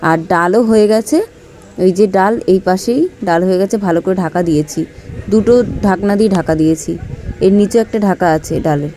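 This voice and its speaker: A tired woman with a Kolkata Bengali accent, a mother chatting softly to her viewers at home, repeating herself and checking in with them. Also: medium pitch, normal speed. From West Bengal, India. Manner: talks softly, repeats herself, asks "ঠিক আছে?". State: tired from no sleep. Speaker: vlogger, mother. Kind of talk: casual vlog chat to viewers. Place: home, kitchen and bedroom.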